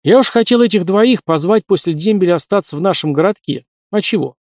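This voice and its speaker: A brisk middle-aged hospital chief grumbles and gives orders, as a male narrator reads him. The pitch is a little raised. It is a dry, close recording. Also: animated, a little mellow, dry recording.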